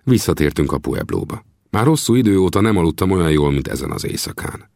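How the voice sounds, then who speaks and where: A man narrating a classic adventure novel in the first person, in measured storytelling. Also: low voice, very animated, gravelly, darkish tone, no echo, clean studio sound. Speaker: audiobook narrator.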